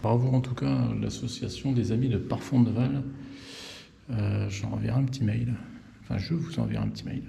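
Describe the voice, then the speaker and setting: Here the fifty-something motorbike vlogger talks fairly quickly in a mellow, husky, creaky mid-range voice that stays steady. Holding an action camera close, he wanders through a stone church and tower, addressing viewers directly and pointing things out in amazed, chatty tour commentary.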